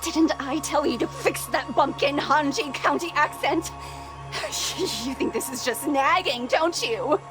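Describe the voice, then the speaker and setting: A shrill, nagging young wife. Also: female voice, unhurried. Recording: game audio with clear music behind.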